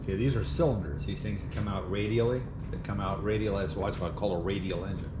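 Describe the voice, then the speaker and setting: A man's voice: fairly low pitch, steady tone, quick pace. An American man, a flight instructor giving an informal, plain-spoken walk-around explanation of an airplane. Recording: outdoor airfield, clear background noise.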